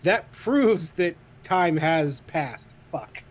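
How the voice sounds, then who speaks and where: Slightly high-voiced swearing man in his thirties. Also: extremely slow. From Idaho, USA. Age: 30s. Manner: swears freely, animated, self-deprecating. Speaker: podcast co-host. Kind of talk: casual chat.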